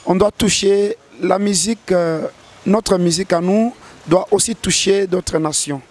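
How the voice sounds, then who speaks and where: A gospel singer from DR Congo answers interview questions earnestly in a high, unhurried voice. He often restarts his sentences, sounding hesitant.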